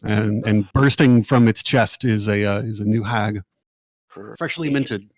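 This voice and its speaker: A man's voice: fairly low pitch, measured pace, dry recording, poor audio. A man running an online tabletop game as game master, narrating scenes and directing players in a casual way with some swearing.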